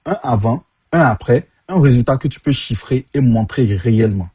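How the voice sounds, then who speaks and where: A man's voice: mid-range voice, animated, normal speed, dark tone, slightly rough, no room sound. A man in his thirties with an African French accent, giving punchy, direct career advice to the viewer. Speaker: tech career coach. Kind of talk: direct-to-camera advice talk.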